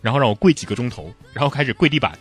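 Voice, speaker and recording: A man's voice: medium pitch, expressive, very fast, husky, soft background music. A man hosting a comic talk show, trading scripted banter and telling jokey stories in a playful, exaggerated way. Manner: playful, exaggerated storytelling with acted quotes. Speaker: comedy talk show host.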